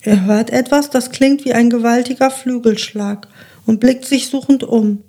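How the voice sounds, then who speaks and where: Calm woman reading a children's story. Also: a little high, normal speed.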